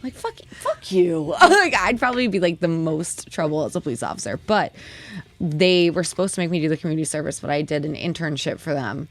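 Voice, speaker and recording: Young woman, podcast co-host, casual chat, swearing, animated, lively pitch, slightly low voice. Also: fast talker, slight background noise. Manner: animated storytelling, heavy swearing, frequent laughter.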